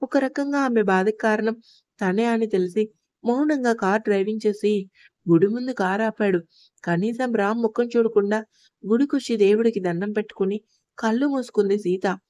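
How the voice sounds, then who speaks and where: Female storyteller, warm and slightly high, reads every part herself, dry close sound. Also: normal speed, no room sound. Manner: reads all roles in her own voice. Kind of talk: scripted narration of a love story.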